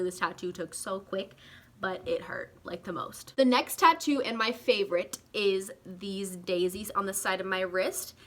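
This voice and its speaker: Bright chatty young woman vlogger. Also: mid-range voice, a little hiss or hum. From California. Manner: chatty, animated, full of "like" and "guys". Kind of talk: casual chat to camera.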